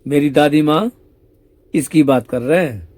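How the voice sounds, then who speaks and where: A man's voice: fairly high pitch, unhurried, a little mellow, dry recording. A man voicing Krishna as a divine young cowherd who scolds with exasperated, teasing reproach.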